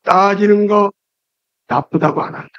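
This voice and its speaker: Older man preaching, dull old cassette. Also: dry recording. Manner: emphatic preaching with sharp rises and drops in pitch and loudness; slow, drawn-out delivery with repeated key words. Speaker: pastor. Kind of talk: Korean sermon. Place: church pulpit. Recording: dull, lo-fi 1999 cassette tape transfer, dry.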